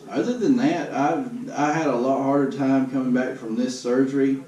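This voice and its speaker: A man's voice: medium pitch, normal speed, warm tone, muffled recording. A man giving a casual video update in a downbeat, resigned, matter-of-fact way. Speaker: vlogger giving a personal health update. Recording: roomy, noisy, distant camera microphone.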